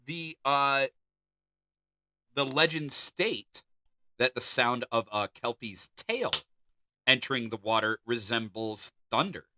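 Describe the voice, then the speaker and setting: A podcast co-host reads folklore aloud, cracking jokes between passages in an animated way. His voice is medium-pitched, and the recording has no echo.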